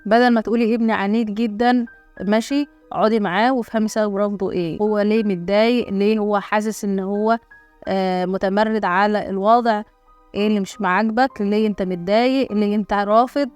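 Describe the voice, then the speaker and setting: A young adult woman with an Egyptian accent giving a spoken parenting lesson, explaining gently and acting out calm talks with a child. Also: medium pitch, fast, smooth, faint music behind. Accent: Egyptian Arabic. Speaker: parenting coach.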